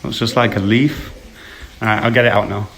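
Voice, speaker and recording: A man's voice: lowish voice, fairly even intonation, brisk, a bit bright. A man from the United Kingdom, talking casually and informally to camera as a travel vlogger, with some mild swearing. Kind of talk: casual vlog narration.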